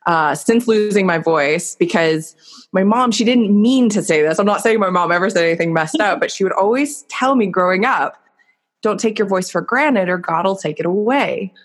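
Here a thirty-something woman shares her personal history as a guest on a podcast, candid and conversational. Her medium-pitched voice moves at a moderate pace with lively intonation, and her reflective, earnest telling is dotted with filler words.

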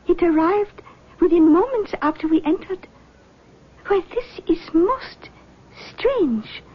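A woman playing a mysterious, commanding seance medium in a scripted drama, speaking slowly and gravely with portentous pauses. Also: very high-pitched, lively intonation, muffled recording, heavily acted. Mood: portentous, mystical.

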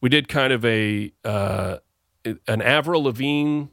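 Man, podcast host, video call, rambling, playful, middle pitch, dry sound. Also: slow pace, gravelly, fairly bright tone, dry recording. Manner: rambling, self-correcting, playful. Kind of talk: casual songwriting chat.

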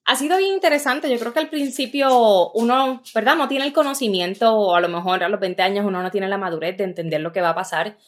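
A woman's voice: medium pitch, fairly quick, few pauses. A woman in her thirties with a Puerto Rican accent, a career coach talking casually as a podcast guest, thoughtful and full of little fillers. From Puerto Rico. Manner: thoughtful, frequent "eh" and "¿verdad?" fillers. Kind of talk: casual interview chat.

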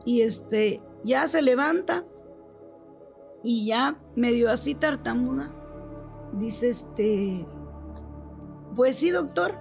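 Brief: older woman, high and gravelly, lively storyteller who acts out every part. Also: takes it slowly, long pauses, soft background music. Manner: animated, acts out the people she quotes. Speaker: storyteller guest. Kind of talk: telling a true story in a chat.

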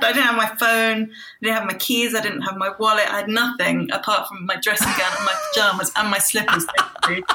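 A woman's voice: medium pitch, sharp tone, roomy sound, a little hiss or hum. A woman, a guest chatting casually on a podcast, talking in a loose, filler-heavy way and laughing often.

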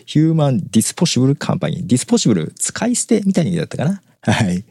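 A man's voice: mid-range voice, wildly swooping pitch, very fast, creaky, dark tone, breathy edge, dry recording, clean studio sound. A man hosting a casual live-stream show, reading out listener messages in a chatty way and laughing often between remarks. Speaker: host.

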